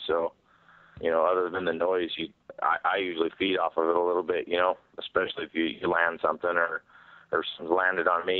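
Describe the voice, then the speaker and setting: A man, a fighter, answering press questions on speakerphone in a halting way with many fillers. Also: low voice, no room sound. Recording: tinny phone line, dry.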